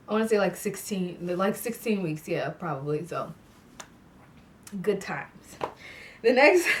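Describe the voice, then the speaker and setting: A young woman vlogs casually to camera with a pregnancy update from an indoor room strung with fairy lights. Her mid-range voice is picked up by a distant mic. She's congested and clears her throat, laughs often, and fills her talk with "like".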